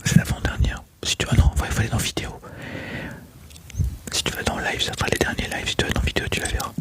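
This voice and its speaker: A man whispering softly to viewers during a live stream, chatting casually in a hushed voice. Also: fast. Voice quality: whispering, low gravelly voice. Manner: soft, intimate whisper to viewers.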